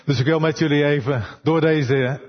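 A Dutch man delivers a sermon in a quiet, unhurried way, often pausing to find his words. His voice sits a little high. The recording is muffled and carries a long hall echo. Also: fairly even intonation. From Netherlands. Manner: soft-spoken, unhurried, with pauses and hesitations. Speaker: preacher.

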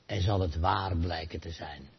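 A man preaching a sermon, asking rhetorical questions and answering them, rising loud and then dropping soft. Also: deep voice, a little slow, creaky, a little hiss or hum. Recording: dull lo-fi sound.

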